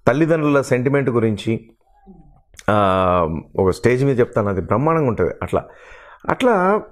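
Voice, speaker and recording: A middle-aged man speaks in an earnest, aggrieved way as an interview guest. His pitch sits at an ordinary middle level for a man. He runs through the parts he has played and asks why the offers have stopped. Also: big pitch swings, moderate pace. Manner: earnest, aggrieved, lists his roles at length. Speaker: mimicry artist and actor, interview guest. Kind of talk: emotional interview talk.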